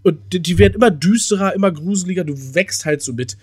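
A man chatting casually on a podcast, his voice sitting a little high for a man. He rambles through his stories with fillers and restarts. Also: fast, a little mellow, slightly rough. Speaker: podcast co-host.

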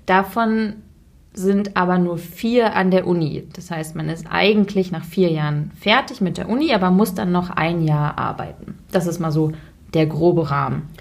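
A woman's voice: fairly low pitch, moderate pace, vocal fry. Chatty young woman podcasting. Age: 20s. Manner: chatty, laughs often, many fillers. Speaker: podcast co-host. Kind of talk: casual chat.

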